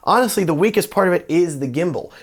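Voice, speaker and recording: A man with a slightly high voice gives a casual gear review. He sounds enthusiastic and chatty, and he speaks directly to the viewer. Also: lively intonation, fast talker. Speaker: wedding filmmaker reviewing gear.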